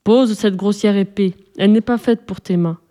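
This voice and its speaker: A huge, cruel giant from a storybook mocks his foe with sneering contempt, then turns falsely sweet and coaxing, put on by a woman narrator. The tone stays mellow and dark. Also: mid-range voice, moderate pace, lightly acted.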